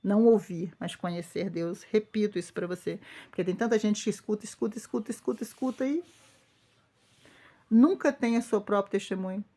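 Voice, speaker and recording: A woman's voice: mid-range voice, brisk, mellow. A woman pastor with a Brazilian Portuguese accent preaching an informal sermon, speaking emphatically, repeating phrases and addressing her listeners directly.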